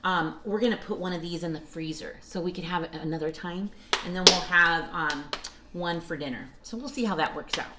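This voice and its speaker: Middle-aged lady vlogging dinner, slightly low voice, background noise, talks thru every step. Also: brisk. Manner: chatty, narrates each step and asks questions. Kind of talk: casual cooking vlog. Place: home kitchen and backyard patio. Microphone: handheld phone camera.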